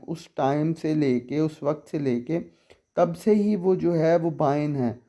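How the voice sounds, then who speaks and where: A man gives a law lesson in a slow, deliberate way. His voice sits a little high and sounds mellow. He reads each statute clause carefully, then explains it and asks the listener what it means. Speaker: legal explainer.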